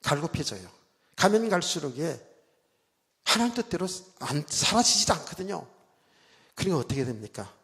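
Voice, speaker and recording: A middle-aged man preaching in a church, his voice high-pitched and swinging widely up and down. He tells stories in an animated way and mimics a shouting preacher, while a long reverb hangs in the sanctuary. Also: normal speed, long pauses. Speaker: pastor. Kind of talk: sermon.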